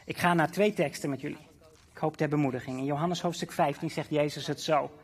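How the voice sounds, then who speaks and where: A man preaching a sermon as a pastor, impassioned and building to loud emphatic peaks. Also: fairly high pitch, fairly even intonation, fairly quick.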